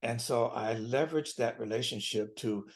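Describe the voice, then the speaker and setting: A man's voice: medium pitch, moderate pace. A man in his seventies, a physician guest in an interview, speaking earnestly and repeating key phrases for emphasis. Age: 70s. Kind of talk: interview conversation.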